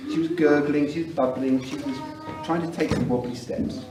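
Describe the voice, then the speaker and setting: A man's voice: on the high side, fairly even intonation, normal speed. A middle-aged man with an English accent, giving a humorous wedding speech as father of the bride. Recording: roomy, noisy event recording from far off.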